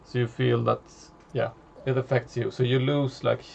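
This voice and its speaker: A man narrating as game master of a tabletop horror game, halting, with many fillers and restarts. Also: mid-range voice, level tone, gravelly, muffled recording, a little hiss or hum.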